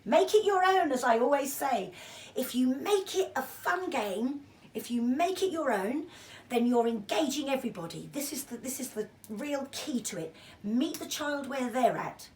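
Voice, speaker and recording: A woman with a fairly high voice teaches breathing exercises in a chatty, self-deprecating style. She sounds encouraging and informal. The recording is echoey, with the microphone some way off. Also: lively intonation, normal speed, darkish tone. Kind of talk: informal instructional video, chatty demonstration. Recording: roomy echo, distant microphone.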